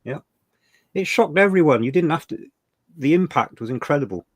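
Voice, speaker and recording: An older man from England co-hosts a livestream and reminisces in a casual chat, emotional, talkative, and given to mild swearing. He speaks at a moderate pace in an expressive, somewhat high voice. The audio has no echo.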